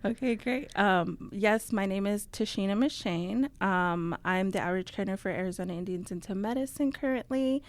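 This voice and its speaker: A woman's voice: mid-range voice, moderate pace, few pauses, no echo. A young adult woman from Navajo, New Mexico, a guest in a radio studio, talking casually and fillings her sentences with ums. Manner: chatty, many ums, laughs easily. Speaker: guest, outreach coordinator. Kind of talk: casual interview talk.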